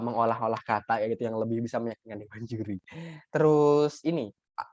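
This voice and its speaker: A man's voice: medium pitch, darkish tone, no room sound. A man giving a workshop lesson in a casual, chatty way, with many fillers and restarts as he addresses his listeners as friends. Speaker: workshop tutor. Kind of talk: casual teaching talk. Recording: dull lo-fi dry audio.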